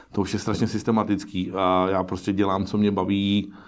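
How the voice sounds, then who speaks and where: A middle-aged man with a very low voice speaks in a flat, even tone. He is being interviewed about his work as an investor. He talks in a pragmatic, musing way, often breaking off and restarting his sentences. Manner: pragmatic, musing, self-correcting. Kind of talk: interview answers.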